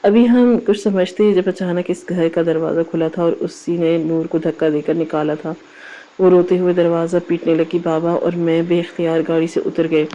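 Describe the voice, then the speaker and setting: A woman reads a moral story aloud in an even, measured way. Her voice sits low and sounds mellow and warm. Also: muffled recording, slight background noise. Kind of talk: scripted story narration.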